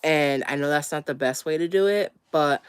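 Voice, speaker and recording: A woman's voice: deep voice, normal speed, clear, resonant tone, dry recording, studio quality. A slightly wheezy woman getting over a cold, chatting casually as she hosts a question-and-answer livestream in a laid-back manner. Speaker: livestream host.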